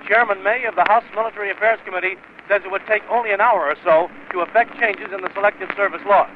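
Male radio newscaster, high and crisp, formal bulletin read, tinny old 1940s radio broadcast sound. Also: a little hiss or hum. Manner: crisp, formal announcer delivery. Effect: old 1940s radio broadcast recording.

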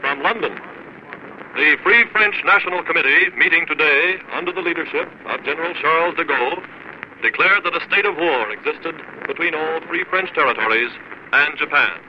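A man announcing news bulletins in a brisk, formal 1940s radio style, heard as an old archival broadcast. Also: fairly high pitch. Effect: old archival radio broadcast sound. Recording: dull noisy 1940s radio recording.

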